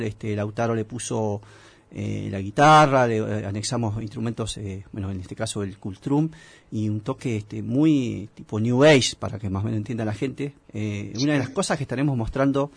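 Gravelly, husky middle-aged Argentine man. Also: lowish voice, no echo. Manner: rambling, halting, seeks agreement. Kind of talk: casual interview talk.

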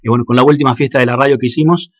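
A man's voice: medium pitch, steady tone, very fast, dry recording. A man from Argentina with an Argentine accent, a local radio announcer telling stories in a casual interview, hesitant and full of fillers. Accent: Argentine Spanish. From Argentina, Jacobacci. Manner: hesitant, many fillers and restarts.

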